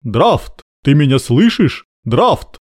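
A man's voice: mid-range voice, sing-song, a little slow, dark tone, no room sound. A man voicing a cool, commanding male major with dry irony in an audiobook. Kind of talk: audiobook narration.

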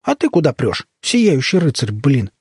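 A man's voice: fairly high pitch, sing-song, a little mellow, slightly rough, no echo, clean studio sound, pitched above the performer's own voice. A man voicing a brash, sleepy, sassy young woman who talks in a bold, mocking way. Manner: bold, quick-witted, mocking.

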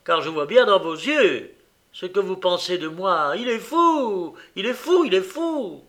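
A man's voice: fairly high pitch, animated, slow, voice pushed up, full character voice. A man voicing an old, tormented gambler who turns desperate and furious. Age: older. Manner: anguished, rising to shouted rage.

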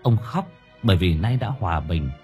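A man reading a story aloud as an audiobook narrator in expressive, scripted narration. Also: sits low, normal speed, faint music behind.

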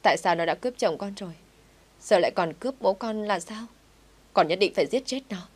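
A woman's voice: mid-range voice, animated, a little fast, darkish tone, breathy edge. A woman voicing a spiteful, resentful young daughter in an audio story. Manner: sneering, resentful.

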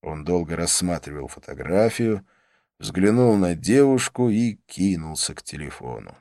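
A man narrating an audiobook in a steady, measured storytelling manner. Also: deep voice, no echo, clean studio sound. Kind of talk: audiobook reading.

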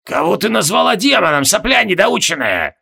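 Gravelly, rude possessing sorceress read by a man, bored and cutting, audiobook villain. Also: fairly high pitch, sing-song, moderate pace, sharp tone, voice pushed up, heavily acted.

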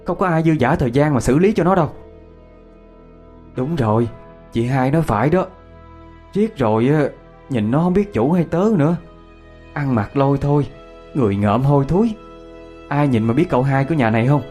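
A man voicing a sharp-tongued wife of a rich household who scolds and sneers. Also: medium pitch, expressive, moderate pace, long pauses, soft background music, pitched above the performer's own voice, close to an everyday voice. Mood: sneering.

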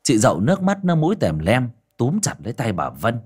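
A man narrating a ghost story in a dramatic, lively storytelling manner. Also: mid-range voice, brisk, slightly rough.

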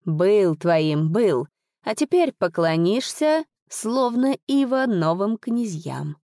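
A woman voicing a cold, bodiless spirit who speaks in a quiet, rustling, slow way in a storybook reading. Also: medium pitch, big pitch swings, no room sound, clean studio sound. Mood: mocking.

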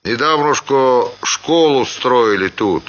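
Guy doing a grumbly old peasant driver, folksy and suspicious, lively up and down, dull radio sound. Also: medium pitch, slow pace. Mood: grumbling. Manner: gruff, folksy. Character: gruff old peasant carter, grumbling and distrustful.

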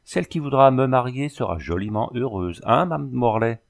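A man's voice: mid-range voice, animated, moderate pace, vocal fry, pitched above the performer's own voice. A man voicing a boastful young male suitor in a storybook, flowery and self-satisfied.

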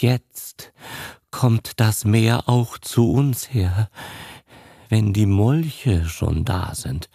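A man's voice: fairly low pitch, creaky, mellow, husky, dry recording, clean studio sound, exaggerated voice. A man voicing a frightened, guilt-ridden old man past seventy who whispers and gasps his words in a dramatized audiobook. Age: over 70 (figure). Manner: trembling, whispering and gasping.

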